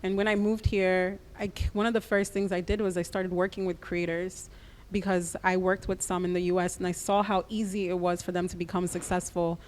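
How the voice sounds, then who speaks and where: A woman, raised in the United States, speaks as a guest in a radio interview, explaining her creative business in a practical, measured way. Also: on the low side, flat delivery, a little mellow.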